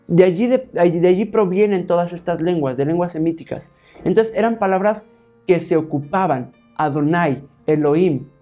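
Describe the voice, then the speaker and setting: In a Bible teaching sermon, a man with a high, mellow voice speaks at a moderate pace while faint music plays behind him. He breaks the teaching down step by step, repeatedly asks "¿sí?", and calls the congregation "hermanos."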